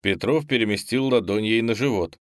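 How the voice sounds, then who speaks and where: A man narrating an audiobook in an even, measured way. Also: on the low side, no room sound, studio quality.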